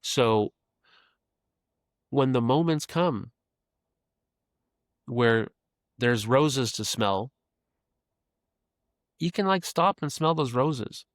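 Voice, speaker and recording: A fifty-year-old creative executive appears as a podcast guest, speaking earnestly and thoughtfully in casual interview talk and often repeating phrases while thinking. His mid-range voice has lively intonation but goes extremely slowly with long pauses, recorded dry in studio quality.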